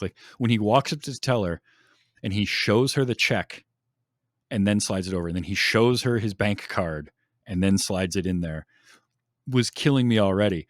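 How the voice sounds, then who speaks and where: A man's voice: low voice, no room sound, studio quality. A man hosting a podcast, chatting casually and enthusiastically about a film with many ums. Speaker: podcast host.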